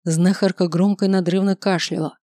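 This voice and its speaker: A reader narrating a fantasy audiobook in a steady, expressive way. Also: medium pitch, fairly quick, no echo, studio quality. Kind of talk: scripted narration.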